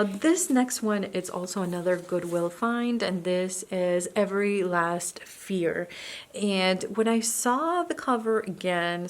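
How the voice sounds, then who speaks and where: A woman vlogging about books in a relaxed, conversational way. English is not her first language, and she talks in a chatty, slightly halting manner, pausing to find her words. Her voice sits at a medium pitch. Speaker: book vlogger. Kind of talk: casual chat about books.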